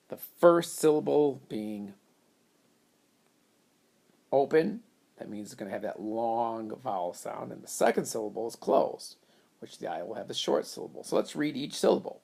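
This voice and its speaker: A man's voice: mid-range voice, vocal fry, darkish tone. A man teaching a reading lesson, patiently explaining step by step how to split words into syllables. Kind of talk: phonics lesson at a whiteboard.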